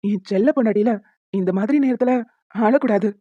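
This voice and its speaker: A tender young husband from a cartoon, played by a woman who drops her voice low, soothing and calm with a quick, easy flow. His tone is mellow, and the sound is dry and a little dull. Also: dry recording, natural voice. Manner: calm, comforting, lowered voice.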